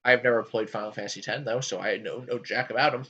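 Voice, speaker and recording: A man hosting a casual gaming chat, talking in an animated way with frequent ums. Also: mid-range voice, quick pace, slightly rough, dull audio. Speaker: podcast host ranking game worlds.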